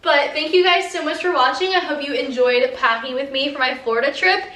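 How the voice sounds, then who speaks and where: This lifestyle vlogger is a young woman whose high-pitched, brisk voice comes across bright and forceful. Recorded at home in an echoey room, she chats casually to camera and keeps dropping in "like."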